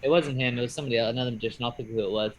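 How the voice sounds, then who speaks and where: A man's voice: medium pitch, steady tone, rapid-fire, rough recording. A man who does magic, talking casually and rambling upbeat on a video call. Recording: faint noise on a video call.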